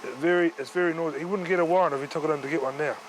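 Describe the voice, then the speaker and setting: Male police officer, New Zealand accent, quick and matter-of-fact, slightly high pitch, noisy outdoor location. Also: fairly even intonation. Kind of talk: explaining and instructing on the job. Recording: outdoor location sound, vehicle noise.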